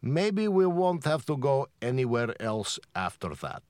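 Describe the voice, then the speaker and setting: An actor playing a prime minister calmly answering interview questions in scripted lesson dialogue. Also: male voice, mid-range voice, measured pace, no echo, studio quality. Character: male prime minister giving a calm interview.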